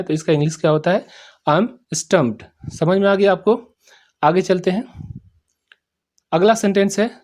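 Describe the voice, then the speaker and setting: A man teaching English sentences in Hindi, repeating each phrase slowly, spelling out words and often asking if students understood. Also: sits high, darkish tone. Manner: repeats each sentence slowly, checks "samajh mein aa gaya?"; spells and sounds out words letter by letter. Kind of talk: spoken English lesson explained in Hindi.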